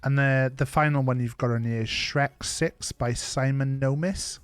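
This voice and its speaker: A man's voice: mid-range voice, fairly even intonation, normal speed, clean tone, no room sound, faint music behind. Welsh man joking on a stream. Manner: joking, rambling with fillers. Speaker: streamer host. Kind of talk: casual chat on a live stream. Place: home streaming setup.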